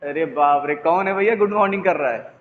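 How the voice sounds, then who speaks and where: Chatty teacher scolding students on phone. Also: male voice, fairly high pitch, a little fast. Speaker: physics teacher. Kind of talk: online class, casual teasing. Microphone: mobile phone. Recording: echoey, tinny phone line, faint noise.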